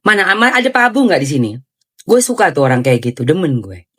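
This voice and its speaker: A woman's voice: low voice, fast talker. A woman hosting a casual livestream, talking animatedly, scolding her chat and thanking viewers. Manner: animated, scolding, switching into Javanese phrases. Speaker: livestream host.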